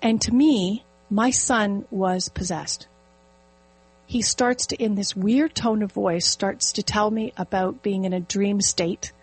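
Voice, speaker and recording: A middle-aged woman telling a personal story in casual conversation, animated and vivid. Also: medium pitch, slow pace, husky, rough recording. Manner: animated, storytelling with quoted inner speech. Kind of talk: casual chat.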